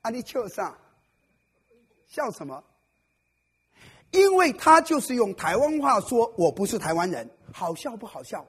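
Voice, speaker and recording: A man's voice: very high voice, sing-song, a little slow, long pauses, a bit bright, slightly rough. A man preaching a sermon to a live congregation, quizzing his listeners and cracking jokes. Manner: playful, jokes and quizzes the audience. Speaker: pastor. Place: church service before a congregation.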